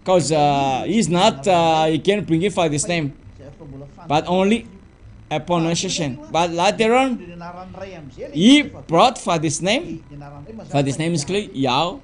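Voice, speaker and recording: Slow, high-voiced preaching man. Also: animated. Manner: slow and deliberate, spells out words letter by letter, rising to emphatic insistence. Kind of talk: sermon teaching.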